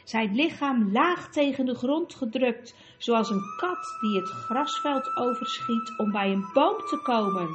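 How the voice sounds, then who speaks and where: A woman reading a storybook aloud in a measured way. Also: fairly high pitch, animated, over music. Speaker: audiobook narrator. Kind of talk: storybook narration.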